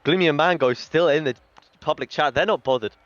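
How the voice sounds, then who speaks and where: A man's voice: a little high, fairly quick, a bit bright, no room sound, lo-fi sound. A man commentating an online esports tournament in a chatty way, with announcer-style hype lines. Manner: chatty, reads out team chats, hype lines.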